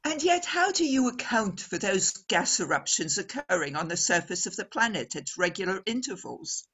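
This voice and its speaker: A woman playing a poised, earnest radio news reporter in an old-time radio drama, speaking formally and deliberately with dramatic emphasis. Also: mid-range voice, very animated, fairly bright tone, slightly rough. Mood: inquisitive.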